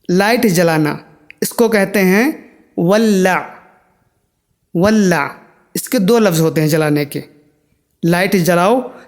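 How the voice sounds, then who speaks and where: Male language teacher with a high voice, unhurried delivery, drills each word twice. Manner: drills words by slow repetition. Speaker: Arabic teacher. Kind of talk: language lesson.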